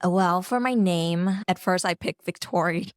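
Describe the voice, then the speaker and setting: A young Vietnamese woman, a Vietnamese speaker, chats easily as a podcast guest, laughing and using lots of fillers. Her voice is fairly low and moderately paced, captured in clean studio sound with no room echo.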